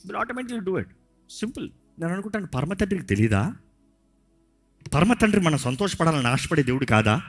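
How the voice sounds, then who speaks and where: A man's voice: a little high, fairly bright tone. A male pastor preaching in a sermon, repeating phrases and acting out pleading quotes, switching into English now and then. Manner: preaching with dramatic voiced quotes and repetition.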